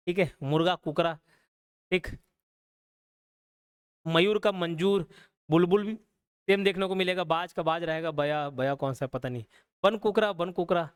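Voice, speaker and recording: A young man with a high, clear, ringing voice teaches a live online class. He explains in a relaxed, chatty way and keeps checking in with listeners, asking whether they are following. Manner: casual explanatory, checks in with frequent "okay?". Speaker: online exam-prep teacher.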